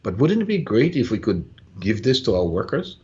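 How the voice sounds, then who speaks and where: An older man from Hawaii, a farmer and business owner appearing as a guest, tells stories in relaxed conversation. His lowish, dark-toned voice has a sing-song lilt, unhurried with frequent "uh" pauses and "yeah?" tags. The lo-fi recording sounds dull.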